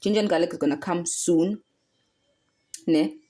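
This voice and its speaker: Stirring as she goes, a young cooking vlogger with a South African accent chants in a playful sing-song while explaining a recipe in a casual tutorial. Her mellow voice is on the low side and moves at a normal speed.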